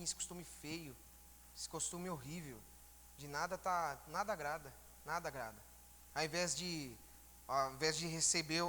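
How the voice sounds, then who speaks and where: A man's voice: sits high, bright, forceful tone, big-room sound, a little hiss or hum. A man giving a conversational sermon in a church, informally asking the congregation rhetorical questions. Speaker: church elder preaching.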